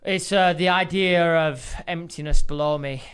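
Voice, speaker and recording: Smooth-voiced English man musing aloud. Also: fairly high pitch, normal speed. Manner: animated storyteller, musing aloud. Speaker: podcast co-host. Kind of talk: casual chat.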